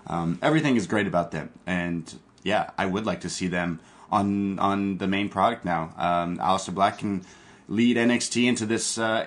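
A man's voice: low-pitched, a bit bright. A man hosting a casual wrestling recap, retelling matches move by move as an enthusiastic fan commentator. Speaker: podcast host recapping wrestling.

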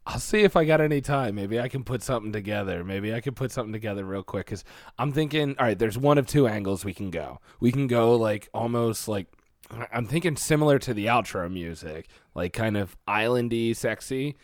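A man's voice: fairly low pitch, animated, brisk, no echo, studio quality. A man co-hosting a podcast in casual chat, laid-back and self-deprecating, often restarting his words. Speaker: podcast co-host.

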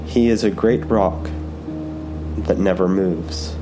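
A man slowly reading a picture book aloud in a gentle, unhurried way. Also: low-pitched, fairly even intonation, over music, poor audio. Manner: gentle, unhurried, soft delivery. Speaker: storyteller.

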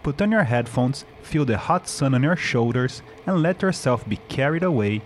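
Male ASMR podcast host, lively intonation. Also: medium pitch, moderate pace, a little hiss or hum. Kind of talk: scripted ASMR podcast narration.

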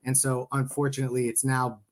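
A man's voice: medium pitch, completely flat delivery, brisk. Rambling male podcast host. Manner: rambling questions with many fillers. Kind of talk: casual sports podcast chat.

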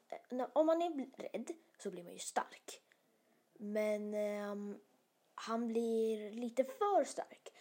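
A woman telling an improvised bedtime story in a soft, often whispered voice, casual and hesitant with many fillers and restarts. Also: on the high side, breathy edge.

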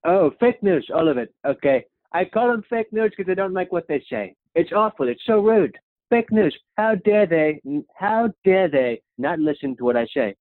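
With lively intonation and a moderate pace, a young man spoofs a male president who brags, rambles and keeps tacking on "okay?" with a falling pitch. It's a comedic impression recorded with no echo but a tinny, phone-like quality.

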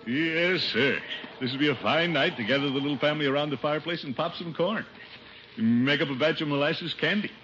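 A man's voice: fairly high pitch, a little fast, a bit bright, close to an everyday voice. An American man playing a pompous, fussy, genial middle-aged uncle in an old radio comedy. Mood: jovial. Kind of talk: 1940s-50s radio comedy acting. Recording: dull noisy vintage radio recording.

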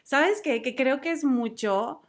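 A woman's voice: high voice, slow. A woman from Mexico City with a chilango accent, chatting playfully and telling stories as a guest. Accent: Mexico City Spanish. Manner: lively, playful, slangy storyteller. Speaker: podcast host, guest. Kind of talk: casual chat.

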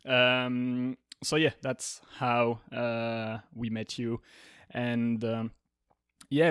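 A man's voice: medium pitch, clean tone, dry recording, clean studio sound. A man co-hosting a podcast, asking questions in a casual, hesitant way with many fillers. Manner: hesitant, many ums and uhs. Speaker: podcast co-host. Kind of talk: casual interview conversation.

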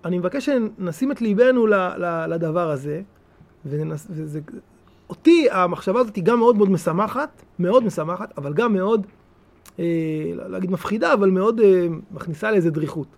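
High-voiced rabbi giving a lively sermon. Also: male voice, creaky. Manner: animated, rising to pleading cries then dropping to soft asides. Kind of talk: weekly Torah talk.

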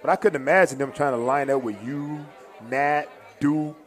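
A male co-host in casual chat, making relaxed, reflective comments. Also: fairly high pitch, moderate pace.

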